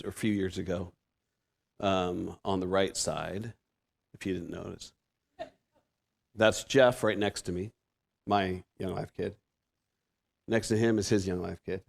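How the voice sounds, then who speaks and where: Vocal fry runs through this man's fairly low, darkish voice as he preaches. He's in his fifties, has a Pacific Northwest American accent, and is a guest preacher giving a conversational sermon in a church sanctuary. He is self-deprecating and often begins sentences again.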